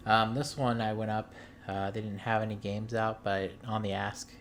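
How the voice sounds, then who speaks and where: A man from the US Midwest with a lowish voice tells a story in relaxed, rambling vlog chat. He fills the gaps with ums and uhs and restarts his sentences, sounding amused by it all. A faint room ambience sits behind him. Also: moderate pace, slight background noise. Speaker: video game collector vlogger. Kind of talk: casual chat.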